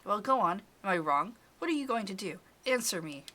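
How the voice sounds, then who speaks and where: Stern older woman, condescending, demanding, bright forceful voice, a woman doing the voice. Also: fairly low pitch, quick pace. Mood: scolding. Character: stern older woman scolding a kneeling girl.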